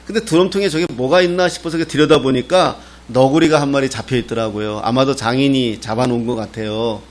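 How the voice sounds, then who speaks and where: A man's voice: medium pitch, fast. Folksy middle-aged male pastor preaching. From Gangwon Province, Korea. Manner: folksy storytelling with humor. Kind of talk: sermon.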